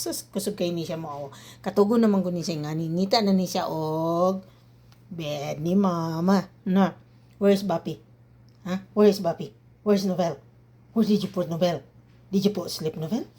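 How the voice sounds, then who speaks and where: Woman, from the Philippines, casual home vlog, husky breathy tone, unhurried, playful howling at her dog. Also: fairly low pitch, mellow. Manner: playful, coaxing, drawn-out howling sounds to get a dog to howl. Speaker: pet owner filming her dog.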